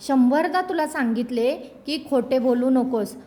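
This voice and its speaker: A woman voicing a village father who scolds his son loudly in a raised voice. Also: sits high, unhurried, a little hiss or hum. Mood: angry. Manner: raised, scolding, later softening. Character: angry, then gentle village father.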